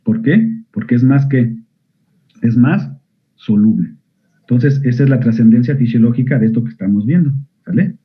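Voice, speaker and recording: A male medical school lecturer giving an online physiology class. He often quizzes his students and clears his throat. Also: mid-range voice, moderate pace. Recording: narrow phone-like audio.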